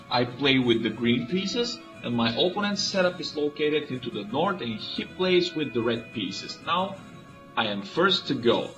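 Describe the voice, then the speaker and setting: A man from Bulgaria, a native Bulgarian speaker, calmly and methodically explaining his moves in a strategy board game. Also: a little high, lo-fi sound. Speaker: player. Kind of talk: let's play commentary.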